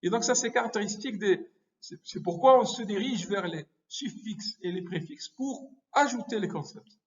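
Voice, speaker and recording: A man giving a medical lecture, halting often with hesitations and self-corrections. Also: high-pitched, lively intonation. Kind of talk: explanatory lecture. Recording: muffled lo-fi recording.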